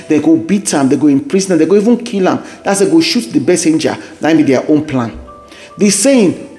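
Man preaching in Pidgin, lightly mellow. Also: a little high. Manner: speaks in Pidgin, with repetition for emphasis. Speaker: preacher, devotional host. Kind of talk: devotional sermon in West African Pidgin English.

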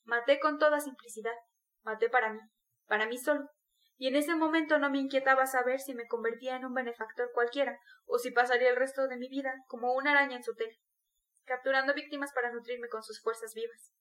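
A woman's voice: sits high, steady tone, fast talker, a bit bright. A woman reading the part of a brooding, tormented young male student in an intense, bitter confession.

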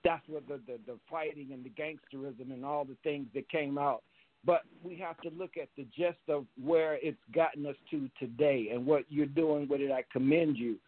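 A man's voice: on the high side, fairly even intonation, moderate pace. A man calling in, talking earnestly and repeating words as he restarts his sentences. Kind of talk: earnest call-in commentary. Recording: tinny phone-like line, dry.

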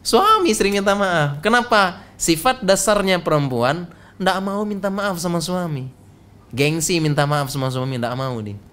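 A man's voice: high-pitched, moderate pace, clear, resonant tone. A man preaching a conversational sermon at a gathering, joking and quizzing his listeners with questions. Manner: lively, quizzes the audience with questions. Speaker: Islamic preacher.

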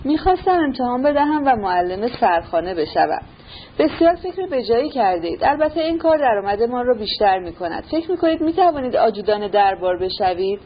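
A proud young noblewoman who fires off pointed, mocking questions, read by a woman narrator. The voice sits fairly high, and the storybook recording is a bit dull, with a faint hiss. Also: very animated.

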